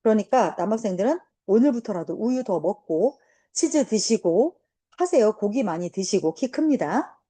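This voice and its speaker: A woman teacher in her forties telling a class a blunt, animated story, swearing now and then. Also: medium pitch, moderate pace. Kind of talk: casual classroom talk.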